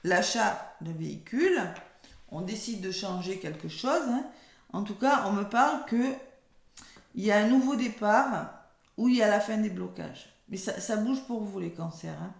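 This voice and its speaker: A French woman, a tarot card reader, gives a weekly horoscope card reading in an echoey room. She is losing her voice, so her mid-range voice is hoarse with gravelly fry, and she speaks softly, slow and measured as she reads cards aloud.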